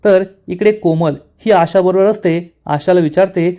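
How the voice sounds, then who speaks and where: A man with a high voice and a dark, mellow tone recaps a TV serial episode. He tells the story in order and reads out what each character says. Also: moderate pace. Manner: steady retelling that reads out each character's lines.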